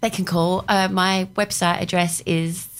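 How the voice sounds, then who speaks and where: A middle-aged woman with a hoarse, croaky voice with creaky starts, chatting casually as a business guest in a radio interview. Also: fairly low pitch, level tone, a little slow, a bit bright. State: hoarse morning-after voice. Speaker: guest, property business owner.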